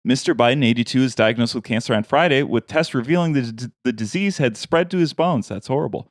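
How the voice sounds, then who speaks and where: A man's voice: medium pitch, fast talker, dry recording, clean studio sound. A man co-hosting a podcast, chatting casually and reading news aloud in a loose, offhand way. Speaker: podcast co-host.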